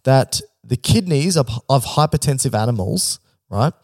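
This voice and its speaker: A man's voice: mid-range voice, lively intonation, moderate pace, a little mellow, no room sound. Dry-sounding man explaining things casually. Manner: informal, joking, explains step by step. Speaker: podcast co-host.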